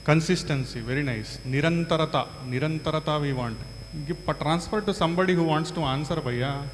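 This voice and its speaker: A man with a South Indian accent teaching a large class, repeating answers and prompting students with short questions. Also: on the high side. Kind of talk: interactive classroom lecture to a large group. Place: large hall. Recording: echoey hall, reverberant, faint hum.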